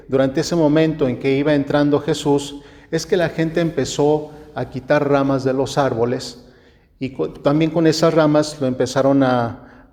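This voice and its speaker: A man with a Mexican accent preaching a sermon, speaking deliberately, asking rhetorical questions and often restarting his phrases. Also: on the high side, a little mellow, big-room sound. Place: church.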